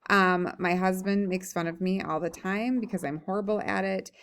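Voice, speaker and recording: A woman's voice: medium pitch, fairly even intonation, moderate pace, fairly bright tone, slight background noise. A woman teacher reading a humorous story aloud, breaking off for chatty think-aloud comments and laughing while she reads.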